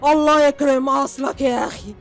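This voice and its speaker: A woman's voice: high-pitched, steady tone, fairly quick, faint music behind. An actress playing an anguished older mother who cries out and pleads for her son in an Egyptian accent in a radio drama. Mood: pleading. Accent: Egyptian Arabic. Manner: pleading, crying out.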